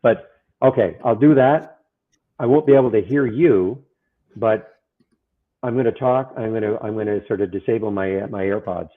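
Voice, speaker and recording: A man's voice comes through muffled and boxed-in, as if he were speaking from inside a fishbowl. The tinny, phone-like sound is thin and narrow. He sits a bit low for a man and talks in a halting, hesitant way, repeating himself. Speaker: day-trading livestream host. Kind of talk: casual live-stream chat. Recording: muffled, tinny wrong-mic audio.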